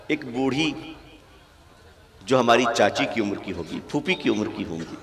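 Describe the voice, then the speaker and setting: Man, cleric, impassioned sermon, slightly high voice, reverberant hall. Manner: storytelling, swinging from soft to loud exhortation. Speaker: Islamic cleric. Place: religious school gathering.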